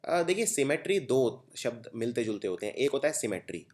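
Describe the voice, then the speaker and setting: A man's voice: mid-range voice, very animated, brisk, darkish tone. A young man with an Indian accent teaching exam vocabulary, explaining step by step and spelling words out letter by letter. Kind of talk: exam-prep vocabulary lesson.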